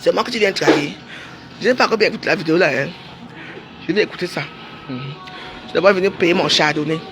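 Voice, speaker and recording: A woman's voice: on the low side, fast talker, soft background music. A woman delivering a confrontational livestream rant, scolding people directly. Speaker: online commentator.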